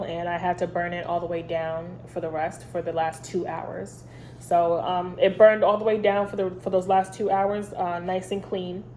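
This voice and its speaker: The candle vlogger's voice is fairly low and mellow, thickened by a head cold. Casual and rambling, she fills her review with ums while slight background noise runs underneath.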